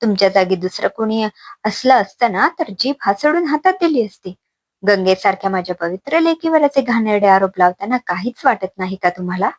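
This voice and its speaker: A woman's voice: medium pitch, lively intonation, a little fast, dry recording, natural voice. A woman voicing a middle-aged village father who pleads and then thunders at his son-in-law in a family story. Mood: outraged.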